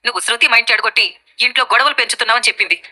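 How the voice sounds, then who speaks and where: A woman's voice: a little high, racing, pushed and bright, poor audio. Scheming mother-in-law. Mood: scornful. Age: middle-aged. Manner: sarcastic, scornful. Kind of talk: TV serial acting.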